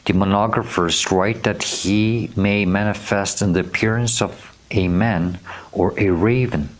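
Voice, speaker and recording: A man giving a tarot reading to camera. He speaks in a gentle, earnest way, keeps checking in with "okay?", and stumbles over unfamiliar names while reading card meanings aloud. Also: on the low side, steady tone, measured pace. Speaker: tarot reader.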